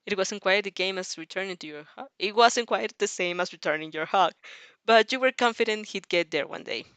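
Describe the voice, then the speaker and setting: Narrating a fanfic expressively, a woman drops in offhand reactions for her audience as she goes. She speaks a little fast in a mid-range, smooth voice with a fairly bright tone. The recording is dry.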